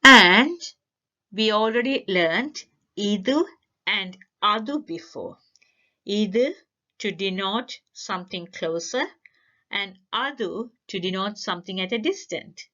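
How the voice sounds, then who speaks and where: A woman teaches a language lesson, laying out each grammar rule slowly and deliberately, often pausing to spell out single sounds. Her voice sits at a middle pitch. The recording is a little dull and lo-fi. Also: expressive, bright, forceful tone. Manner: careful, deliberate word-by-word delivery. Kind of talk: slow instructional explanation.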